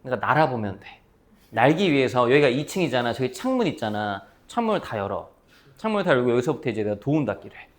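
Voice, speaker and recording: A man's voice: medium pitch, quick pace. A man teaching math to a class, explaining with playful stories and acting out his students' voices. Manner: lively, playful storytelling with acted-out student voices. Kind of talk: classroom lecture.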